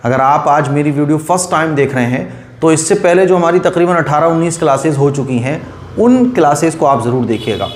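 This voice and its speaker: A man leads a Quran reading class, patient and repetitive, stretching syllables slowly to show how they sound. His voice sits a little high for a man. The sound is echoey, as if he is in a bare room. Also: a little hiss or hum. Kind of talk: online recitation lesson.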